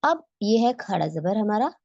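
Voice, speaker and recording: A woman's voice: medium pitch, very animated, measured pace, a little mellow, no echo, lo-fi sound. A woman teaching tajweed online in a patient, explanatory way, posing questions and answering them herself. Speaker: Quran recitation teacher.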